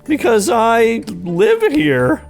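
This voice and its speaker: A man's voice: extremely high pitch, very animated, extremely slow, creaky, faint music behind, voice pushed up, heavily acted. A man voicing a flustered, rambling young homeowner in a comically pleading put-on voice. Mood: pleading, nervous.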